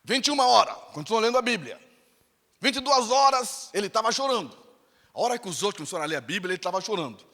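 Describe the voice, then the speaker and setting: A man's voice: high voice, expressive, fast, sharp tone. A Brazilian man preaching a sermon in a church, telling a story with emphatic, repetitive phrasing. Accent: Brazilian Portuguese. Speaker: pastor. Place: church sanctuary. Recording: reverberant church hall.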